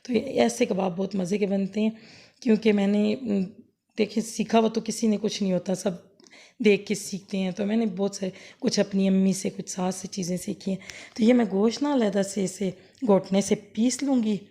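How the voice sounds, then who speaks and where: A woman with a sore, hoarse throat giving a rambling, homely cooking demonstration for her vlog. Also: medium pitch, fairly even intonation, normal speed, dark tone. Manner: homely, rambling, self-correcting explanations. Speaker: cooking vlogger. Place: home kitchen, later outdoors under a fan.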